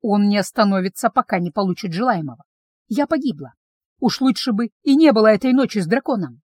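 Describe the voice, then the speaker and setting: A woman's voice: medium pitch, lively intonation, fast talker, a little mellow, slightly rough, no room sound, clean studio sound. Woman narrating a novel in first person. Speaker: audiobook narrator.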